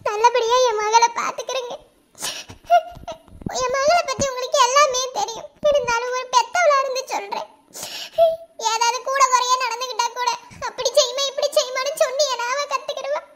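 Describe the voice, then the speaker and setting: A tender village mother with a Madurai Tamil accent, voiced by a woman in a cartoon. Her voice is very high and pleading. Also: steady tone, a little fast, noisy background. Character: village mother, emotional and caring.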